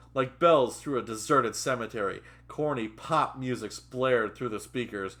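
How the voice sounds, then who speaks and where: A man's voice: medium pitch, unhurried, bright, forceful tone. A man reading a story aloud, mocking the writing with sarcastic asides and swearing. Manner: sarcastic, interrupts the text with jokes and swearing. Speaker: reader and commentator.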